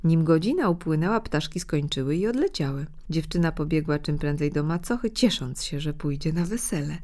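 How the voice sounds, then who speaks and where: Woman, low voice, fairy-tale narration, soft expressive reading. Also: brisk.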